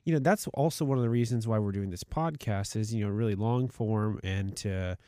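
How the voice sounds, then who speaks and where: A man co-hosting a casual podcast chat in a studio, talking in long animated runs. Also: brisk, no echo. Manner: animated, mocks clickbait in high put-on voices. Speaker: podcast co-host.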